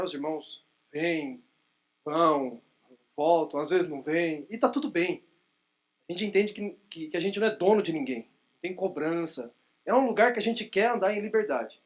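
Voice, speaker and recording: A man pastoring a church, speaking slowly and reflectively about his past congregation. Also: a little high. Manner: slow, reflective, recounting church routine. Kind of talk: sermon.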